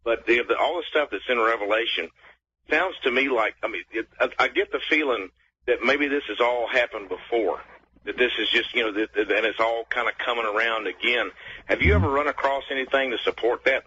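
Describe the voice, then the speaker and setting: A man from North Carolina calling in to a talk show over a clipped phone line. He speaks politely and haltingly, searching for his words. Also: mid-range voice, sharp tone. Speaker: caller. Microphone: telephone. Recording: dull phone line with faint hiss.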